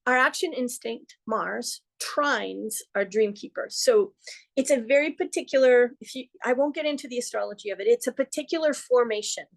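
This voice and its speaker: A middle-aged woman hosts an astrology forecast in a somewhat high voice. She talks earnestly and conversationally, slipping in playful asides. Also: normal speed, gravelly. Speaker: astrologer host.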